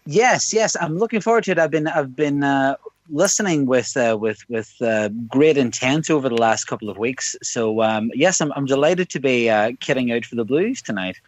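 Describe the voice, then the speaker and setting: A man's voice: mid-range voice, normal speed, no room sound, muffled recording. A man with a Donegal Irish accent chatting casually and jokingly as a contestant on a quiz show. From Donegal, Ireland.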